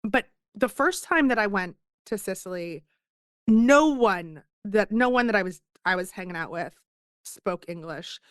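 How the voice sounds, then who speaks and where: A Philadelphia woman in her thirties, appearing as a guest author on a casual podcast interview, tells stories in a chatty, self-deprecating way. Her medium-pitched voice is expressive, a little slow and clean, recorded at studio quality with no room sound.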